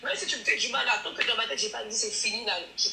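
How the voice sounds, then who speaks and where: A woman's voice: a little high, quick pace, vocal fry, crowd noise. A woman telling her story on a live stream, rambling and repeating herself, with laughs between her lines. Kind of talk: emotional live stream confession. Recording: echoey, from a distance, faint noise.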